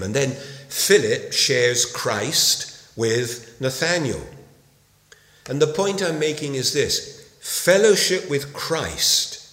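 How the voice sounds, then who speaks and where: Slow, deliberate preacher in an echoing hall. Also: male voice, mid-range voice, a bit bright. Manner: slow, deliberate delivery with emphatic pauses. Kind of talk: sermon. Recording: roomy hall reverb.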